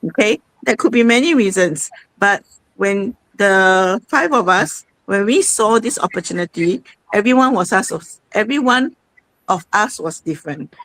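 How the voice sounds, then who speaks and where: A woman's voice: medium pitch, animated, measured pace, a bit bright, dry recording, poor audio. A woman, hosting an online sharing session in a rambling, conversational way. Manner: conversational, rambling with many fillers. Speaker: host.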